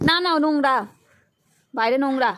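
Woman, fairly high voice, sing-song mom vlogger talking to her little one at home. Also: normal speed, a bit bright, a little hiss or hum. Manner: coaxing sing-song chatter with a toddler, then chatty asides to viewers. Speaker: family vlogger and mother. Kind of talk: casual family vlog.

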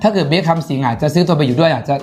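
Fast-talking Isan Thai man joking. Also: a little high, darkish tone. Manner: teasing, rough-spoken, joking. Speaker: live-sale streamer. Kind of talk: casual chat with fans.

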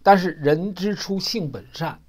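A man's voice: high-pitched, unhurried, a little mellow. A man hosting casual political commentary. He tells stories, acts out the dialogue with rising emphasis, and often repeats and restarts his words. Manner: storytelling, acting out quoted dialogue with rising emphasis; frequent repetitions and restarts.

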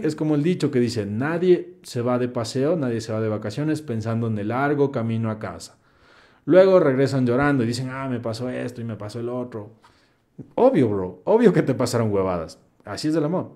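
A man's voice: mid-range voice, mellow. A young man hosts a live stream. He reads viewers' questions aloud and answers them in a blunt, preachy, slangy way. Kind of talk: live Q&A, reading chat comments aloud.

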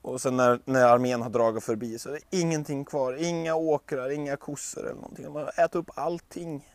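A man telling a bedtime story to a child in an animated way, with sound effects and lively voices. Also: mid-range voice, no room sound.

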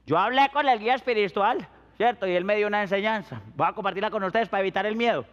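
A man with a Colombian Paisa accent hosting a TV show with a playful, animated stand-up comedy monologue. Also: high voice, fast, long reverb tail, muffled recording. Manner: animated, playful, slips into silly voices and laughs.

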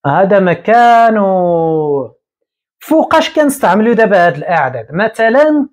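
A man in his thirties with a Moroccan Arabic accent, teaching English at a whiteboard and repeating each word slowly. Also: high voice, big pitch swings. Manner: explains slowly, repeating words and drawing them out. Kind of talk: whiteboard lesson. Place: small room indoors at a whiteboard.

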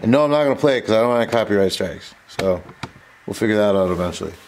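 A man with a lowish voice races through a casual, hands-on repair tutorial at his indoor workbench. He rambles and cuts himself off as he goes, over a steady, noticeable background noise.

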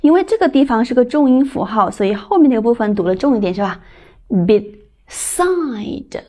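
A young woman teaching an online English pronunciation lesson, coaxing her students and drawing out each model word slowly. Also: fairly high pitch. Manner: lively, coaxing, drawn-out model words.

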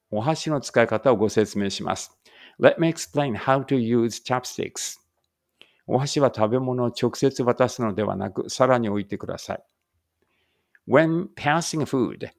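A man teaching an English read-aloud lesson, reading Japanese lines and then slow, careful English, sometimes stopping to check pronunciation. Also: medium pitch, vocal fry, no room sound, studio quality.

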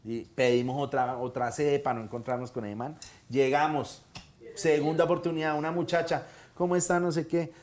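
A man in his thirties with a Colombian accent, a guest telling a personal story on a comedy talk show, animated and earnest, acting out the dialogue he quotes. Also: medium pitch, normal speed. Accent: Colombian Spanish.

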